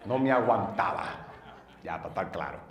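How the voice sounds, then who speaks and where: A middle-aged man with a Dominican accent, a pastor telling his personal testimony in an earnest way, going from loud bursts to low murmurs. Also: animated, fairly quick, muffled recording. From northeastern United States. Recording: roomy sound from a distant mic.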